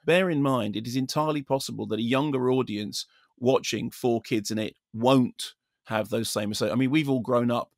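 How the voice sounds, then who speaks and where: Creaky-voiced British male film critic. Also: mid-range voice, normal speed, no room sound, studio quality. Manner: discursive, opinionated. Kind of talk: spoken film review.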